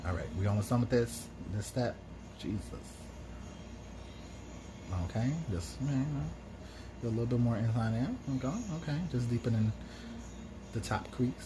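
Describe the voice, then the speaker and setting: Hosting a makeup tutorial, a man chats through it in a campy, sassy drag-queen style full of slang and side comments. He speaks in a mid-range voice at a moderate pace, pausing often, with background noise present.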